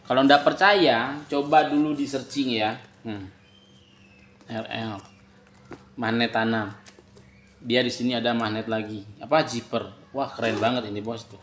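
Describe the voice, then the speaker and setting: A young man giving an informal, repetitive and emphatic sales pitch, drawing out key words as he sells. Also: steady tone, unhurried, long pauses, a bit bright. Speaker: online bag seller. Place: large tiled living room, indoors. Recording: echoey room, some background noise.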